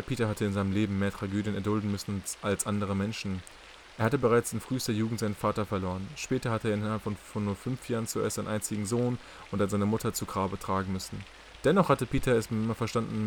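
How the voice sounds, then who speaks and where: Male audiobook narrator, low voice, calm even reading, faint hiss behind. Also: fast talker. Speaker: audiobook reader.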